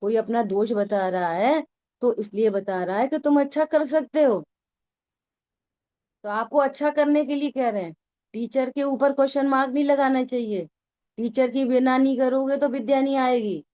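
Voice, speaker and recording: A woman with a somewhat high voice gives a religious discourse to her class. Her tone is conversational, and she often stops to ask whether the point has landed. She scolds her listeners in a familiar, teasing way. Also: moderate pace, mellow. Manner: conversational, keeps checking that listeners follow. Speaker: teacher of a scripture study class.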